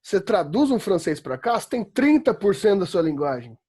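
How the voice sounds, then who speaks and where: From home during quarantine, a São Paulo law school philosophy professor delivers an online lecture in Brazilian Portuguese with a Paulista accent. The voice is high-pitched and husky, a little mellow, fairly quick, with big pitch swings, and the manner is chatty and emphatic, full of "né?" and prone to exasperated rants.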